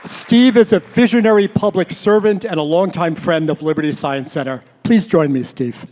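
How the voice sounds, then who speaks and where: A man hosting an award gala and narrating its tribute video in a measured, formal scripted delivery. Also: sits high, darkish tone, some chatter behind, a little hiss or hum. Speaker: host and narrator.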